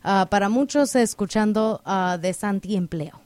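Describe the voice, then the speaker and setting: A woman hosting a radio interview, asking questions in a relaxed way with frequent hesitations. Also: medium pitch, measured pace, dry recording. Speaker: radio host.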